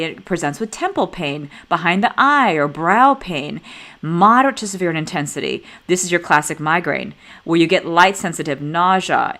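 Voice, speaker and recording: A woman in her forties, a neurologist, giving a conversational teaching talk with personal stories. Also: lowish voice. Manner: animated, conversational, acts out dialogue in stories. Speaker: neurologist teaching a master class.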